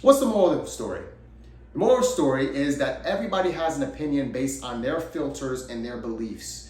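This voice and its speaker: A man's voice: medium pitch, lively intonation, fairly quick, darkish tone. A man who is an acting coach, giving a motivational video lesson in an emphatic style with repetitive lists. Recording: roomy, distant mic.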